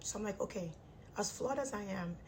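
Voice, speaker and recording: Speaking a little fast with her jaw wired shut, a woman in her thirties raised in a Nigerian immigrant household offers motivational advice straight to her audience. Her medium-pitched, slightly mellow voice has a clenched tightness, and she hammers home key phrases bluntly. Clear background noise and poor audio mark the recording.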